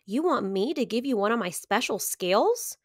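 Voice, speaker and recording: A woman's voice: a little high, big pitch swings, normal speed, no echo, clean studio sound. A woman voicing a proud, vain male fish in a children's picture book, with a haughty manner. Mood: indignant. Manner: haughty, indignant.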